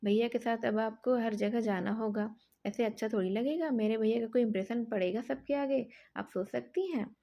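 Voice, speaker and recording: A woman voicing a spoiled, sharp-tongued young woman. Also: on the high side, normal speed, gravelly. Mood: mocking. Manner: scornful, loud and whiny.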